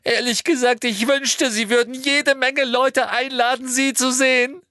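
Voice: high-pitched, flat delivery, unhurried, bright, forceful tone, no room sound, clean studio sound, pitched above the performer's own voice. A reader voicing a teenage schoolgirl in an audiobook, who sobs, whines and stammers. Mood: sobbing. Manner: sobbing, stammering and whiny. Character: sobbing, whining teenage schoolgirl. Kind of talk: audiobook character voice.

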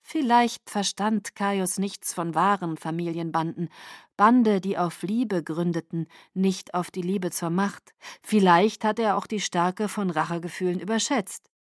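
A woman reading an audiobook aloud as the narrator, with steady, even storytelling. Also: lowish voice, a little slow, no echo, clean studio sound. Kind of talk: scripted narration.

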